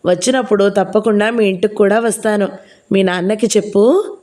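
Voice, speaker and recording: A woman's voice: mid-range voice, steady tone, a little fast, mellow, natural voice. A woman voicing a nosy, chatty older village woman who pries and scolds, in an audiobook reading. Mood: prying. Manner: prying, scolding, gossipy.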